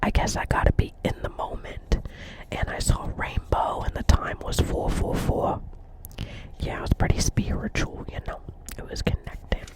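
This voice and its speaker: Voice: moderate pace, poor audio. A whispered role-play of a chatty, dreamy doctor's office receptionist with a New Jersey accent, rambling earnestly, repeating phrases and often checking in with the listener.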